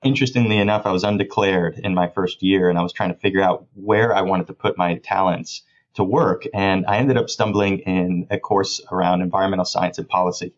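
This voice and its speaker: A man's voice: low-pitched, fairly even intonation, fairly quick, dull audio. A man from Florida answering interview questions in an enthusiastic, fluent way. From Miami, Florida. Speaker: guest, government official.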